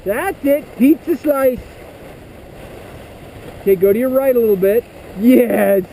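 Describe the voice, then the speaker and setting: A woman's voice: on the high side, measured pace, dark tone, poor audio. A woman outdoors on a ski slope, casually and playfully encouraging a small child, often exclaiming. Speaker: parent coaching a small child on skis. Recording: faint outdoor background noise.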